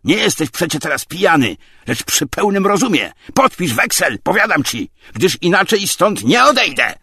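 A man voicing a coarse, spiteful man who shouts and mocks in a hoarse voice. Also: medium pitch, sing-song, takes it slowly, no room sound, clean studio sound, voice pushed up, full character voice. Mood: furious. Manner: shouting, mocking, abusive.

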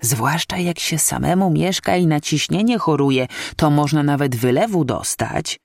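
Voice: medium pitch, unhurried, gravelly, no room sound, clean studio sound. A reader voicing a nosy elderly neighbour woman who chatters eagerly and pries. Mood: gossiping.

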